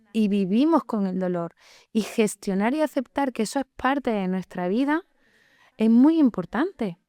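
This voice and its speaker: A woman co-hosting a podcast, talking in an earnest, measured way and explaining with everyday examples. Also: fairly high pitch, dark tone, no room sound, studio quality. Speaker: podcast co-host. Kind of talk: reflective podcast conversation.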